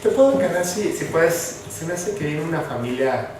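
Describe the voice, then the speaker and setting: High-voiced pastor preaching in an echoey hall. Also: male voice, animated, moderate pace, far from the mic, background noise. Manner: earnest, direct, addresses listeners as you. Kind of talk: sermon.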